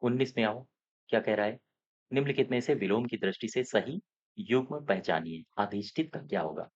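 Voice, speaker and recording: A man's voice: fairly low pitch, normal speed, lo-fi sound. A man teaching as an exam coaching teacher, walking through mock test answers, repeating key points and often checking that students follow.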